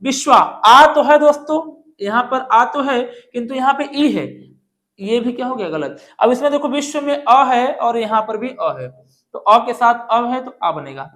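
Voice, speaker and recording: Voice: medium pitch, animated, normal speed, fairly bright tone. A Hindi grammar teacher going through multiple-choice exam-prep questions step by step. The teacher often poses a question, answers it, and checks in with the students. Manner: explains step by step, often checking in with "ठीक है" and "दोस्तों"; asks questions then answers them.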